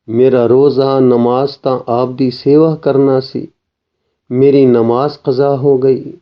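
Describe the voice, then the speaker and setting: A devoted young woman full of remorse, read by a male storyteller, pleading and blaming herself. The voice stays slow and measured. The recording is somewhat dull and lo-fi. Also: mid-range voice.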